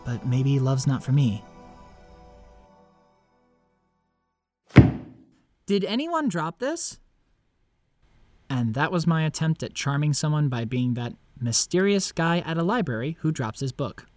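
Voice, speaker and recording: A man's voice: on the high side, very animated, normal speed, a little mellow, dry recording, faint music behind. A man playing an awkward, lovelorn young vampire who narrates in a self-deprecating, confiding way. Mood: wry, wistful. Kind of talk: scripted first-person narration and dialogue.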